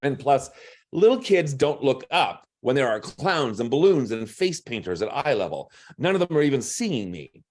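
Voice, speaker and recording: Brief: gruff male drag performer reading a comic personal story, wry timing, middle pitch. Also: very animated, normal speed, darkish tone. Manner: wry, punchline-driven delivery.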